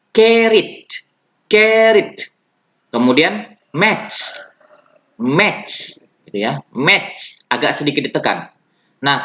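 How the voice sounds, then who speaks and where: A man with an Indonesian accent teaching an English lesson, speaking slowly and repeating each example word for his students. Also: fairly high pitch, bright, forceful tone. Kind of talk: recorded classroom lesson. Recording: dull, roomy lo-fi recording.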